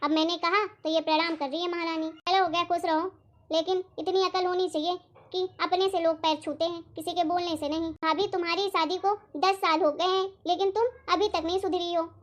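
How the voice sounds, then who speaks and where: A woman's voice: very high-pitched, steady tone, a little fast. A woman voicing a domineering, nagging adult sister-in-law in a cartoon, talking in a harsh, sarcastic, scolding way. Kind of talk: animated cartoon voice acting.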